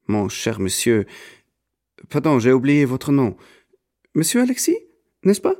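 Radio drama: pompous, scheming French nobleman, lively and lofty. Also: on the high side, moderate pace. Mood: haughty. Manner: pompous, sprinkles in French phrases. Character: haughty scheming French marquis, middle-aged man.

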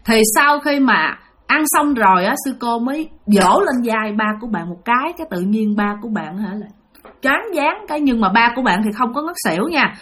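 A woman's voice: on the high side, expressive, brisk, a bit bright. A woman telling a ghost story in a chatty way, talking straight to her listeners. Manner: chatty, addresses listeners directly, lots of fillers.

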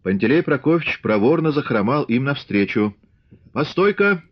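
Low-voiced male audiobook narrator. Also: normal speed. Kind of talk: scripted narration. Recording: dull lo-fi audiobook recording.

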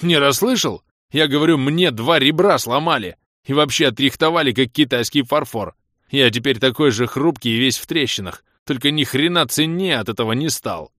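A man voicing a furious, foul-mouthed young man with broken ribs, yelling insults and indignant complaints. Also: medium pitch, slow, no echo, clean studio sound, pitched above the performer's own voice.

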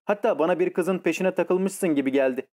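A woman's voice: on the low side, a little fast, mellow, lightly acted. A man reading an audiobook and voicing a playful young woman who coaxes and mocks. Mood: teasing. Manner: coaxing, mocking.

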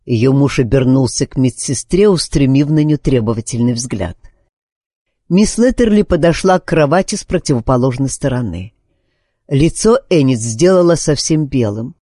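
Man narrating a novel, mellow and lively. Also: mid-range voice, normal speed, husky, no echo, clean studio sound. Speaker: audiobook narrator. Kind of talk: scripted narration.

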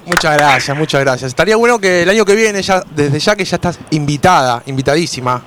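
A man's voice: a little high, animated, quick pace, fairly bright tone. A man with an Argentine accent co-hosting a casual radio chat in a studio, friendly and chatty. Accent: Argentine Spanish. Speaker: radio co-host.

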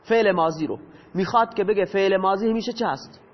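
A man teaching a grammar lesson, patiently explaining and asking his students questions that he then answers himself. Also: sits high. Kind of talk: lecture explaining Arabic grammar. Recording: dull lo-fi audio with long reverb.

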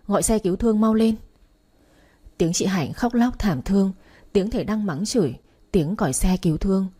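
Dark, husky woman narrating a story. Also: fairly low pitch. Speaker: audiobook narrator.

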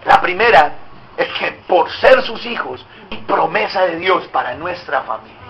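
A man's voice: high-pitched, expressive, normal speed, lo-fi sound. A male pastor preaching an emphatic sermon and prompting his congregation to answer back. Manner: emphatic, drawing call-and-response from the congregation.

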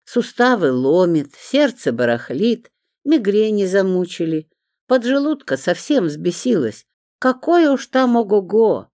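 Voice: mid-range voice, very animated, unhurried, darkish tone, dry recording, clean studio sound, pitched above the performer's own voice. A reader doing a grumbling old woman of seventy-one. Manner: grumbling, complaining. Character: grumpy elderly woman, 71, fussing and nagging. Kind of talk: audiobook character voice.

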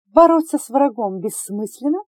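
A stern female examiner in uniform delivers clipped, severe verdicts, pitched a little higher and pushed louder, as a woman narrator puts her on. The tone stays mellow, close and dry. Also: lively intonation, a little fast, dry recording. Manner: crisp, severe.

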